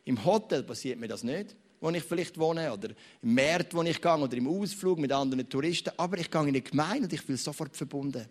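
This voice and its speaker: A young man with a Swiss German accent preaching a sermon in church, telling stories with big swings between loud and quiet. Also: fast talker, few pauses. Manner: animated, storytelling, wide swings in pitch and loudness.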